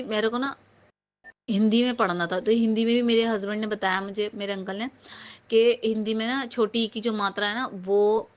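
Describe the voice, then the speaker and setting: A woman from Uttar Pradesh shares a personal devotional testimony in a rambling, meandering way, full of fillers and restarts. Her voice sits at an ordinary middle pitch. The sound is slightly dull, as from a phone recording at home. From Uttar Pradesh, India. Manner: rambling, warm storytelling with many fillers and restarts. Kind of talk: personal devotional story told to a congregation.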